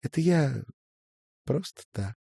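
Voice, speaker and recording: A man voicing a young woman who is a new factory worker, emotional and eager, in a raised breathy voice. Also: a little high, lively intonation, slow pace, dark tone, no room sound, pitched above the performer's own voice, heavily acted. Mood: tearful.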